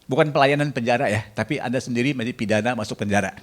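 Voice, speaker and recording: This sermon comes rapid-fire from a man with a medium-pitched voice. He jokes around, bantering with the congregation, mixing in English phrases and calling for raised hands.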